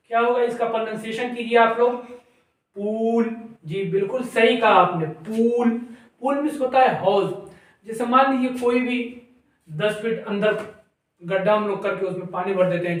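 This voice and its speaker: A fairly high-voiced man teaches a phonics lesson, spelling each word slowly and loudly, letter by letter, before he says it. He puts questions to his viewers and then answers them himself. His voice comes from a distance in a very echoey room. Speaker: English teacher.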